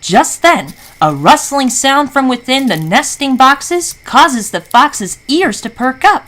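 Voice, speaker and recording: A woman storyteller narrating a scripted children's story in an animated, dramatic style. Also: high-pitched, slow. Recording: faint background noise.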